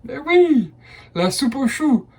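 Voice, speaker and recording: A man's voice: very high voice, big pitch swings, takes it slowly, darkish tone, husky. A young man hosting a casual blind test quiz, chatty and enthusiastic, with personal asides between rounds. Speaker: quiz host.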